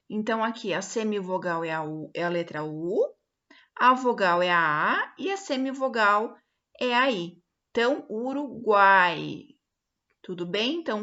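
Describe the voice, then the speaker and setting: A woman's voice: mid-range voice, bright, forceful tone, highs cut off. A woman teacher, giving a patient remote lesson for pupils, stretching out example words and often checking that they follow.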